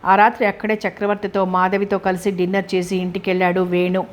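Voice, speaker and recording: A woman reading a novel aloud as an audiobook narrator. Her voice sits at a middle pitch and stays flat and even, with a steady, scripted delivery. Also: fairly quick.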